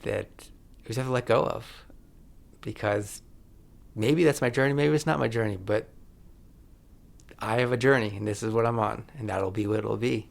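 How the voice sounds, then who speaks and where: A man in his forties, a film director talking as a podcast guest, thoughtful and searching, with pauses and restarts. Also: fairly low pitch, steady tone, creaky. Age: 40s. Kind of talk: reflective conversation.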